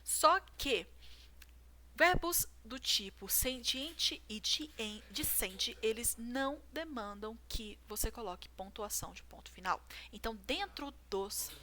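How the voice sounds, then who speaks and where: A woman's voice: on the high side, lively intonation, a little slow, pushed and bright. A woman explaining grammar rules to a viewer, working through examples and checking in with "right?". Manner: talks through examples, asks "certo?". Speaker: writing teacher.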